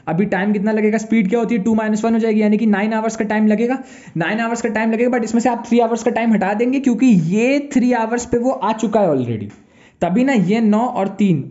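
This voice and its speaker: A young man with an Indian English accent gives a casual recorded maths lecture, playfully acting out students' replies and teasing them. His voice sits high but mellow and soft-edged. The recording sounds slightly dull and lo-fi. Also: animated, brisk. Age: young adult. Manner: chatty, playful, plays imagined students back and forth. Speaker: maths teacher.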